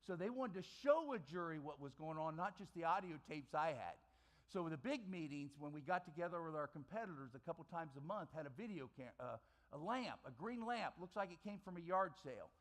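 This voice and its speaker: Man, chapel speaker, fairly high voice, dramatic testimony, repeats key phrases, loud bursts then hushed lines. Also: lively intonation, fairly quick. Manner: swings from loud bursts to quiet low lines. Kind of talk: personal testimony talk.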